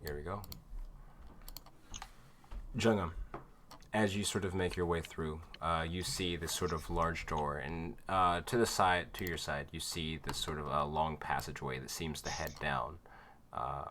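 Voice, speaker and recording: A man's voice: very deep voice, steady tone, unhurried, fairly bright tone, slight background noise. A man narrating a tabletop game as game master, casual and rambling with lots of fillers.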